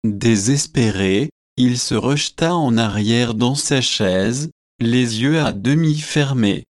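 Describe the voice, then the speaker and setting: Slow, measured male audiobook narrator. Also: medium pitch, no room sound, clean studio sound. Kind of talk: audiobook reading of a classic novel.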